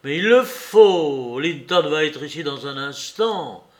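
A man reading a defiant young lover with a raised, forceful delivery. He presses each line urgently while the reading stays slow. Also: a little high. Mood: urgent passion. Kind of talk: audiobook reading.

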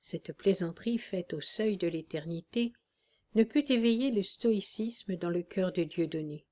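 A woman reads a classic novel aloud in a measured, even way. Her voice sits low and she takes the text at a very slow, deliberate pace, like a careful audiobook reading. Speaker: narrator. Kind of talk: audiobook narration.

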